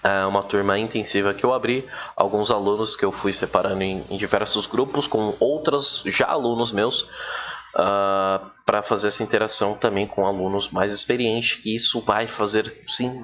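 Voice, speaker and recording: A man giving a casual recorded English lesson, chatty and relaxed, stretching out his English examples slowly. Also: on the low side. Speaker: English teacher. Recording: dull, lo-fi with faint noise.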